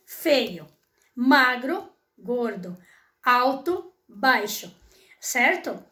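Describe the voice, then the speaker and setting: A woman's voice: high-pitched, pushed and bright, reverberant. A woman teacher with a Brazilian Portuguese accent, patiently walking students through exercises and checking in with them often. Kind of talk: explaining school exercises to students.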